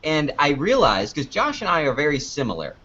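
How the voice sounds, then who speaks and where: Brisk and fairly high-pitched, with a sharp, husky tone and wildly swooping pitch, a video maker rambles through a casual, unscripted interview about his work. He's jokey and self-deprecating, and the audio sounds dull.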